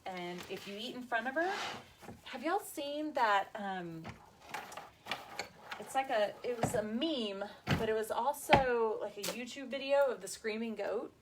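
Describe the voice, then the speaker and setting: A woman's voice: fairly high pitch, animated, unhurried, heavy background noise. A woman, chatting casually as host of a craft livestream and reading out viewer comments. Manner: chatty, bubbly, says y'all, reads out viewer comments. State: tired, busy mother. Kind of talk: casual chat on a live video.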